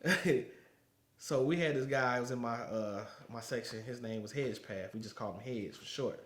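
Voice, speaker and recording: A man's voice: medium pitch, moderate pace. A man who served as a Marine, an interview guest telling stories casually and animatedly, laughing often. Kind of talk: casual storytelling. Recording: roomy echo.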